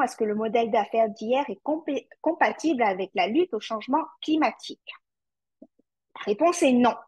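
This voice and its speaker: A woman's voice: fairly high pitch, slightly rough, no room sound, poor audio. A woman with a French accent presenting a webinar as a climate consultant, speaking directly to her audience with frequent hesitations and fillers. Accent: French (France).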